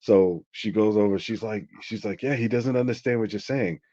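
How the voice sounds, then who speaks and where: This interview guest, a middle-aged man, spins a loose, casual story packed with "like." He talks at normal speed in a fairly low, mellow voice, and the lo-fi recording sounds dull without echo.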